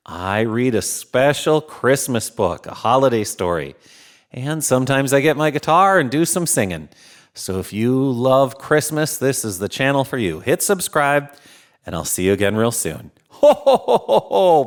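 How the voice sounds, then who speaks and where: Man playing Santa Claus, lively swooping storyteller. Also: medium pitch, close to an everyday voice. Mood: jolly, delighted. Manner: exclaiming, chuckling, drawn-out emphatic phrasing. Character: jolly, kindly old Santa Claus, eager children's storyteller. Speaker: host of a children's read-aloud show. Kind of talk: animated storybook reading for young children.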